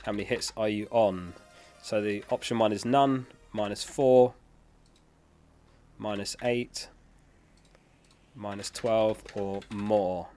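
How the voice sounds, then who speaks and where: A man with a lowish, warm voice hosts a livestream, reading viewer questions and replying in a casual, matter-of-fact way, slowly and with long pauses and fairly even intonation. His voice is starting to go from being unwell; a close dynamic studio mic captures him, with faint music behind.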